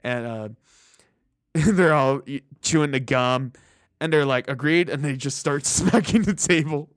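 A man co-hosting a podcast in casual chat, with a rambling, animated way of telling things and an easy laugh. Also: mid-range voice, a little slow, no room sound, studio quality. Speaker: podcast co-host.

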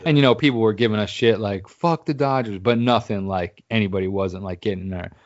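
Low-voiced man telling rambling stories. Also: steady tone, fast. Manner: profane, rambling storyteller. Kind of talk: casual chat. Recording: dull lo-fi sound.

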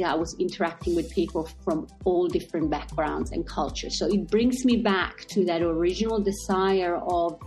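Middle-aged woman from italy talking from her busy office, lowish voice, reflective storyteller, faint music under it. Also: a little mellow. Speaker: guest, social enterprise CEO. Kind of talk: remote interview conversation. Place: busy workplace.

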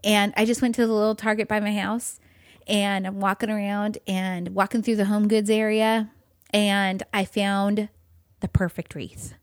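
A woman's voice: medium pitch, flat delivery, moderate pace, no room sound, studio quality. A woman chatting casually as a podcast co-host in a bubbly, gushing way, peppering her talk with "like" and repeating words for emphasis. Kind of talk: casual chat.

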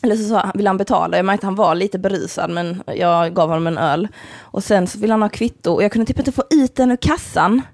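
A young woman in casual chat, telling lively stories with swearing and laughter. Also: medium pitch, hardly any pauses, no echo, studio quality. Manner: vivid storyteller, swearing, laughing.

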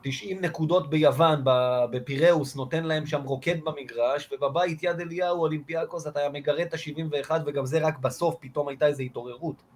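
A man's voice: a little high, few pauses, a little hiss or hum. A man co-hosting a sports podcast, giving passionate, casual analysis and speaking of the team as his own. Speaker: podcast co-host, basketball fan.

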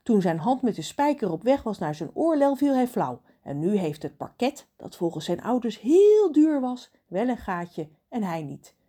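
A woman reading a children's story aloud. Her voice rises and falls with lots of expression. Her pace is steady and clear. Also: a little high, moderate pace, hardly any pauses. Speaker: audiobook narrator.

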